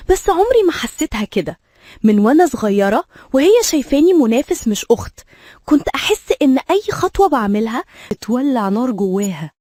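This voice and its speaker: A woman's voice: fairly high pitch, warm tone, dry recording, studio quality. A young woman with an Egyptian accent, telling her own story in a dramatic, emotional scripted narration. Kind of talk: scripted first-person storytelling.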